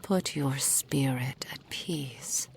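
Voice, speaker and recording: Very deep and very slow, this woman's heavily acted voice brings a possessive kitsune witch mentor to life in roleplay ASMR. She whispers breathily, soft and coaxing, using formal archaic speech.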